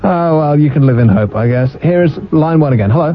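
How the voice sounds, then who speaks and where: A man in the manner of a smooth radio host, running a live call-in show with quick, joking patter. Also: on the high side, animated. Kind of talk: hosting a live radio phone-in. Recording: dull lo-fi radio broadcast with faint music.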